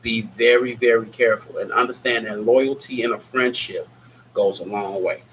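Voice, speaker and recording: A man hosting a casual live Q&A is sick, with a stuffy nose and a scratchy throat that make him sound nasal. His mid-range voice is steady and fairly bright at a normal speed. He rambles candidly and bluntly and reads chat names aloud.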